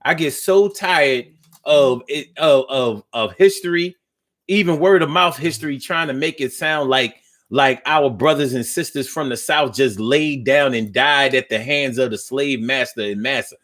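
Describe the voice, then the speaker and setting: A man's voice: medium pitch, measured pace, a bit bright. A man of fifty hosting a call-in talk show, speaking with passion and often repeating words as he builds his point. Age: 50s.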